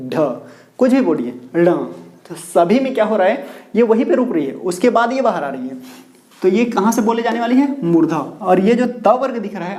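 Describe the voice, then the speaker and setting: A man's voice: high voice, a little mellow. A male teacher giving a classroom lesson on pronunciation, asking questions and answering them himself, repeating the key words. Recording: roomy echo.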